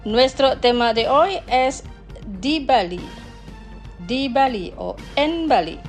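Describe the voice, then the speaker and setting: A woman hosting a scripted radio language lesson, pronouncing words slowly and carefully so that listeners can repeat after her. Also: high-pitched, lively intonation, soft background music. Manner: slow, careful pronunciation for learners to repeat.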